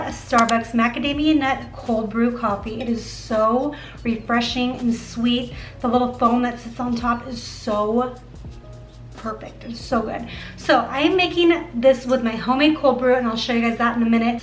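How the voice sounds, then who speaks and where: A woman with a high voice and a slight lisp talks viewers through a recipe in a relaxed vlog. She is chatty and loose, filling her sentences with "like" and calling her viewers guys. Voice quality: slight lisp from dental aligners. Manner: chatty, addresses viewers as guys, many fillers like 'like'. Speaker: cooking vlogger. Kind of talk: casual kitchen vlog chat.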